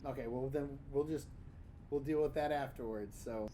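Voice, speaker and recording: A man's voice: medium pitch, normal speed, mellow. A man speaking as dungeon master, explaining and narrating a tabletop game in an informal, casual way. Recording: faint background noise.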